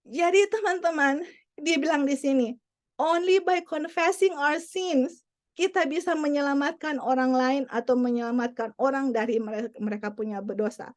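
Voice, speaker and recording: A woman's voice: high voice, moderate pace. A woman preaching a sermon, earnest and repetitive, mixing English phrases into her teaching. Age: adult parent. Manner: earnest, repeats key points.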